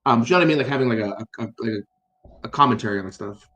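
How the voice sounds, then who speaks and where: A man's voice: mid-range voice, very fast, fairly bright tone, echoey room. Guy just chatting, lots of like and um, keeps restarting sentences, cusses casually. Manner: rambling, many fillers and restarts, swears casually. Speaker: podcast co-host. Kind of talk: casual chat.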